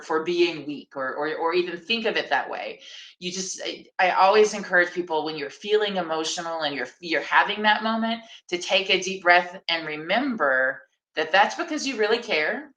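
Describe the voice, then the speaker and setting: Low, bright-toned woman in a roomy space. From Austin, Texas, USA. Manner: earnest, encouraging. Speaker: panelist giving career advice. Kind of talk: conversational panel talk. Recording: roomy echo.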